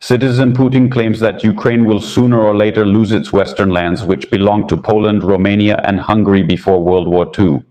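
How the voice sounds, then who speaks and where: A man's voice: lowish voice, steady tone, normal speed, hardly any pauses, mellow. A man hosting a commentary channel, talking in a sarcastic, indignant way, with Russian as his first language. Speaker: political commentator. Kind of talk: scripted commentary monologue.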